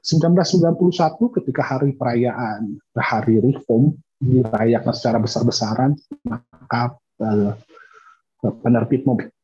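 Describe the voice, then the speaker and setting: A man preaching a sermon in a conversational way, pausing to correct himself and acting out the voices he quotes. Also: medium pitch, dark tone, breathy edge, lo-fi sound. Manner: conversational, with fillers and self-corrections.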